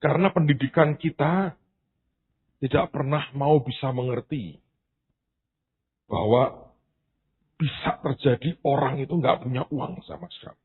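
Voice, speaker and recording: A man's voice: mid-range voice, a little slow, pauses often, husky. A man preaching a sermon, telling stories earnestly, with emphasis that rises as he speaks. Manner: earnest storytelling, rising emphasis. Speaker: pastor. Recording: tinny phone-like band.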